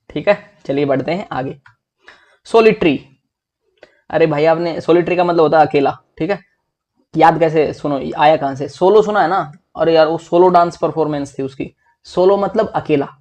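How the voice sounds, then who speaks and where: A young man teaching English vocabulary for exams in a lively, chatty way, often calling his listeners "bhai". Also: fairly high pitch, highs cut off. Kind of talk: exam-prep vocabulary lesson.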